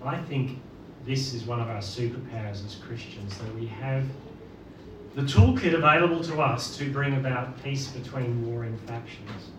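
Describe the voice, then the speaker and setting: A middle-aged Northern Irish man with a mid-range voice preaches a sermon at a moderate pace, putting rhetorical questions to the congregation. The mic is distant and roomy, picking up background noise.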